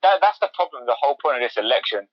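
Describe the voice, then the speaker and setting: A man co-hosting a podcast in casual chat, talking fast and repeating words as he goes. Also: mid-range voice, lively intonation, no echo. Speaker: podcast co-host. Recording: dry, dull lo-fi sound.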